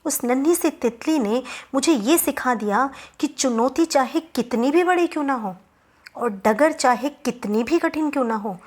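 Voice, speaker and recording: High-voiced woman telling a moral story. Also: normal speed. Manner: conversational, relaxed storytelling with small asides and restarts.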